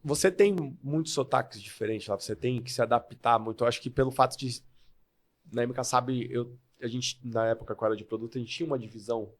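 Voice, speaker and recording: A man's voice: mid-range voice, steady tone, fast. A man with a São Paulo Brazilian Portuguese accent, a guest in a podcast interview who makes his points emphatically and step by step. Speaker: guest, sales manager.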